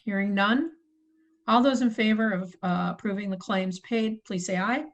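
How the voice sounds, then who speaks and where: A woman's voice: mid-range voice, moderate pace, lo-fi sound. A middle-aged woman chairing a city committee meeting over a video call, reading agenda items in a procedural way and correcting herself as she goes. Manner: procedural, apologetic, self-correcting.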